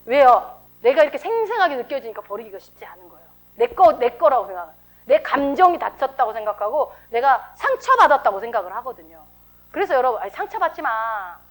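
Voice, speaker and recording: A woman pastor preaching a sermon, animated and full of rhetorical questions, acting out heated outbursts as she goes. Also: high voice, fast.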